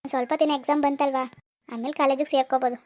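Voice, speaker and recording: A gentle but firm village mother in a cartoon, voiced by the narrator, with a very high, quick voice. She is soothing and practical, recorded close and dry. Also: level tone, dry recording, lightly acted. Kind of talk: Kannada cartoon voice acting.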